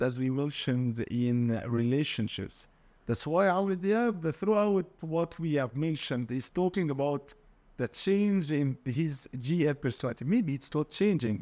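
Higher-pitched Egyptian man teaching conversationally. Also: darkish tone. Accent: Egyptian Arabic. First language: Arabic. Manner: didactic, repeating key words and translating them. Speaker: Arabic dialect teacher. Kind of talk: conversational language lesson, explaining words with examples.

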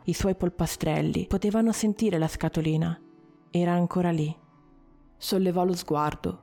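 A woman narrating a story in a measured way, with short dramatic pauses. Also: lowish voice, mellow.

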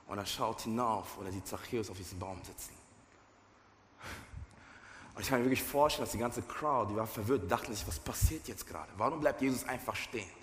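A man's voice: mid-range voice, fairly bright tone, a little hiss or hum. Passionate man preaching in a reverberant hall. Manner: passionate, addresses listeners directly with rhetorical questions; mixes English phrases into German. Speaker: pastor. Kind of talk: sermon. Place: church hall. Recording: roomy hall reverb with faint music.

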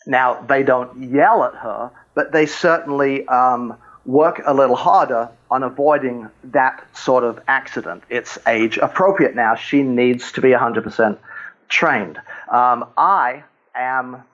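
A man's voice: mid-range voice, a little slow, fairly bright tone. Older man, dull lo-fi faith talk. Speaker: guest author.

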